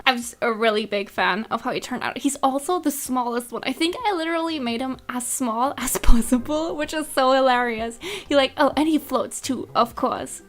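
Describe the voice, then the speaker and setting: A bubbly young woman with a high, bright-pitched voice chatters excitedly through her casual gameplay commentary, giggling often. Faint music plays underneath. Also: moderate pace. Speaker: gaming YouTuber.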